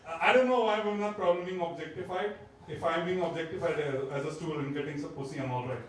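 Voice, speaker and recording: Halting Indian-accented comic, echoey from afar. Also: male voice, fairly high pitch, a little hiss or hum. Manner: halting, stumbling delivery with many restarts. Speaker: stand-up comedian. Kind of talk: stand-up set on a club stage. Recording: echoey club room from far off.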